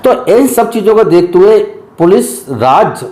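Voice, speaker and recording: Man, ex-judge on a news interview, angry and emphatic, bit high but mellow voice, echoey room. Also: very animated, a little slow. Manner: indignant, emphatic, rhetorical questions.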